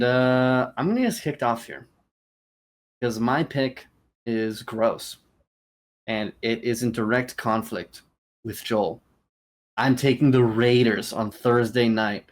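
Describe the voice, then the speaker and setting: A man co-hosting a sports podcast, excitable and laughing often as he hypes his picks in casual chat. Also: medium pitch, takes it slowly, long pauses. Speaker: podcast co-host.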